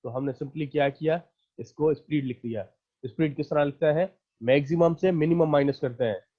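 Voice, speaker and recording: A man's voice: a little high, moderate pace, phone-quality sound. A man teaching an online math class. He explains each step patiently, counts the items aloud and checks in with his students again and again.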